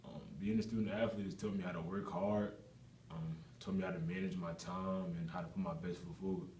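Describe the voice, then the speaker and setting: A man's voice: low voice, flat delivery, a little fast, a little mellow. A young adult man giving casual interview answers as a student athlete. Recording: echoey room with faint background noise.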